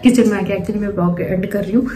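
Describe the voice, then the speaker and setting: A woman's voice: medium pitch, racing, mellow, poor audio. A woman talking through her casual vlog, chatty and laughing often, repeating herself as she goes. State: tired at the end. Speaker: vlogger.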